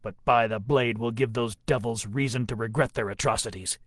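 A man's voice: mid-range voice, steady tone, a little fast, fairly bright tone, dry recording, clean studio sound. A man voicing a vengeful sword-bearing warrior who speaks in grim, snarling threats.

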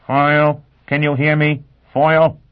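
A man's voice: mid-range voice, steady tone, measured pace, highs cut off, voice pushed up, lightly acted. A man voicing a controlled, menacing commander calling over the radio. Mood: commanding.

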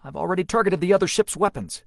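A man voicing a female gunner with a sharp, clear voice and clipped battle reports. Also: sits high, quick pace, no room sound, clean studio sound, pitched above the performer's own voice. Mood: crisp. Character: fierce female gunner with hard voice.

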